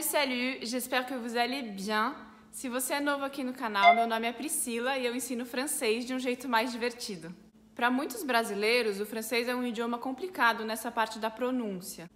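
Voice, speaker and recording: A woman with a Brazilian Portuguese accent, a French teacher, explaining pronunciation clearly step by step. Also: on the high side, fairly bright tone, big-room sound. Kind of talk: pronunciation lesson.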